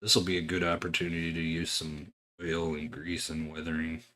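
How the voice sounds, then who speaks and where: A man's voice: very deep voice, monotone, brisk, sharp tone, a little hiss or hum. A young man streaming while he paints, telling stories in a laid-back way with swearing and chuckles. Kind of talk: casual chat while hobby painting.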